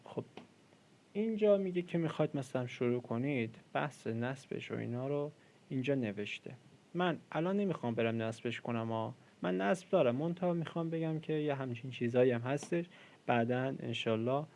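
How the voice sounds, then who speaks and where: A man's voice: medium pitch, creaky, darkish tone. A man in his twenties giving a casual coding lesson, chatty and self-deprecating, with lots of fillers. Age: 20s. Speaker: programming tutor.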